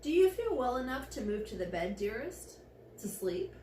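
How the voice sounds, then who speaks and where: A woman's voice: on the high side, very animated, normal speed, mellow, distant mic, pitched above the performer's own voice. A tipsy, slightly drunk woman voicing a prim, tender male angel from a story, fussy and a little proud. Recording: echoey room with faint background noise.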